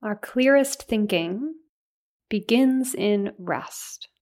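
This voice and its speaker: A woman leading a guided meditation in a soothing, unhurried way, leaving gentle pauses between phrases. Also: a little high, lively intonation.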